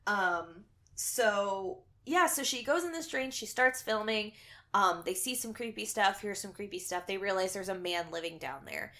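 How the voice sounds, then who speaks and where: A woman's voice: medium pitch, animated, normal speed, sharp tone. Chatty young woman reviewing films. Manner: rambling, heavy on 'um' and 'like'. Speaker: podcast co-host. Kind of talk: casual film review chat.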